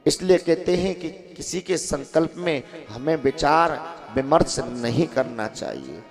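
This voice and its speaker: A man's voice: on the high side, expressive, measured pace, music in the background. A man telling a devotional story as a sermon to a seated audience, often asking them questions and calling out to listeners in the back. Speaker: kathavachak preacher. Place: ashram hall with a seated audience.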